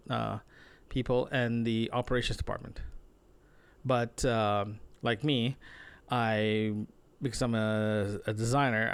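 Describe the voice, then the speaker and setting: Recording a solo podcast, a man who designs remotely drifts through a relaxed diary-style monologue, reworking his phrasing as he goes. His voice is medium-pitched, clear, and resonant.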